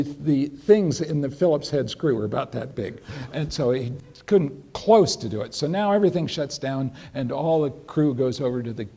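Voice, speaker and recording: In a lecture hall, an older male lecturer tells a long, rambling anecdote to an audience, restarting often and adding dry humor. His mid-range voice is mellow and slightly rough, with vocal fry.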